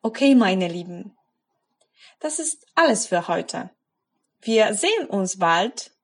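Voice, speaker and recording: A woman's voice: mid-range voice, big pitch swings, husky. A woman, a German speaker, giving a scripted and encouraging language lesson. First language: Polish. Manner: encouraging, careful, deliberate. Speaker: language teacher.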